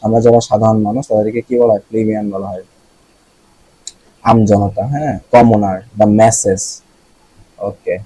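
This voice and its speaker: A young man with a Bangladeshi accent casually explains vocabulary, repeating each word and asking the listener questions. His voice is lowish, level, mellow and husky, at normal speed with long pauses; the recording is rough but has no echo.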